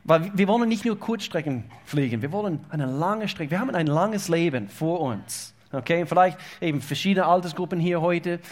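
Halting, higher-voiced male preacher. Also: lively intonation. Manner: halting with repeated words, swings between hushed and loud. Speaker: pastor. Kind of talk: sermon.

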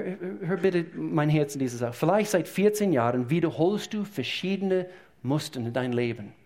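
A man's voice: on the high side, a little mellow. A man preaching a sermon to his congregation, emphatic and repeating key phrases as he speaks to them directly. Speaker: pastor. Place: church service.

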